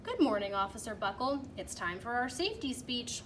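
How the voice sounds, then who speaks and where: A woman voicing a brisk, persuasive female school principal in a storybook, emphatic and coaxing. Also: a little high, very animated, recorded from a distance. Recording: clearly noisy background.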